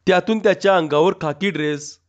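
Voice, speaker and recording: Casting: male storyteller, expressive comic reading, slightly high voice, dull lo-fi recording. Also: a little fast. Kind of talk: reading a humorous short story aloud.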